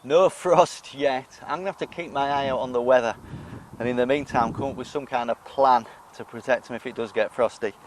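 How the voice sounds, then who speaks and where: A British man chats his way around his allotment in a casual, self-deprecating vlog. His voice sits in an ordinary middle pitch. The outdoor recording carries a faint background hiss. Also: fairly quick. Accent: British English. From United Kingdom. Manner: chatty, self-deprecating, talks while eating. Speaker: allotment vlogger. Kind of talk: casual garden vlog walk-through.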